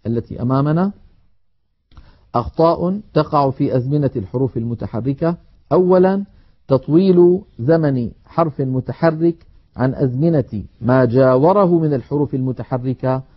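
A man teaching Quran recitation in a televised lesson, explaining in a measured way and chanting example words slowly. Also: medium pitch, slightly rough, highs cut off.

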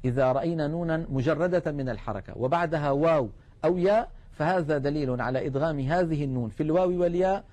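A man teaches recitation rules in a steady, explanatory way, drawing out example words slowly. His voice sits a little high for a man. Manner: measured, explanatory, slows to spell out examples. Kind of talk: televised tajweed lesson.

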